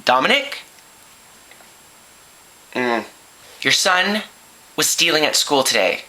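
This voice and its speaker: A man's voice: a little high, very animated, slow, sharp tone, exaggerated voice, rough recording. A man voicing a stern, exasperated mother scolding her son. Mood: ominously calm. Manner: exasperated, accusing.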